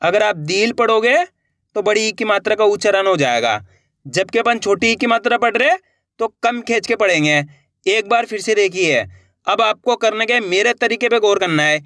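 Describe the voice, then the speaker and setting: A man's voice: sits high, expressive, a bit bright, dry recording, clean studio sound. A man teaching a beginner reading lesson, sounding out syllables one by one and often checking that the learner follows. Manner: slow, drawn-out syllable drills with repeated checks for understanding.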